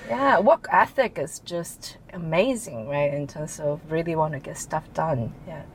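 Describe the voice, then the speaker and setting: A woman's voice: sits low, unhurried, a little hiss or hum, poor audio. A woman who grew up in Taiwan, answering interview questions in a chatty way with frequent laughs and restarts. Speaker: interview guest, chief information officer.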